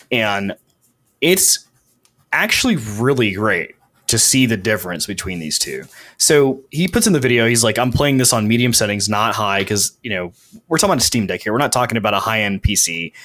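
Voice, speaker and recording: A man's voice: lowish voice, fairly bright tone. A man hosting a podcast, chatting casually about gaming news with lots of fillers and restarts. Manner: rambling, many fillers and restarts. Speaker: podcast host.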